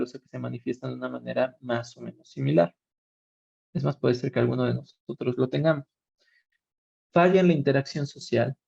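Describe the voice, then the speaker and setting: A man's voice: medium pitch, vocal fry, dark tone, no echo. A man with a Mexican accent giving a webinar lecture, explaining step by step and rephrasing with fillers and asides. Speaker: workshop lecturer. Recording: dull lo-fi webinar audio.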